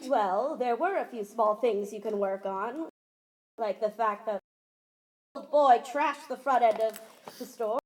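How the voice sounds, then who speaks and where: A woman's voice: fairly high pitch, a little slow, lightly acted, rough recording. A woman playing a female store inspector in a student stage play, addressing the staff formally. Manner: formal, lively, speechmaking.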